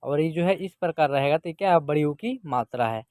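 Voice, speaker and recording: A man's voice: a little high, lively intonation, darkish tone, no room sound. A man teaching Hindi reading in an online lesson. He sounds out words syllable by syllable and often checks that students follow. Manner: slow, drawn-out syllable-by-syllable reading; patient explaining with frequent check-ins.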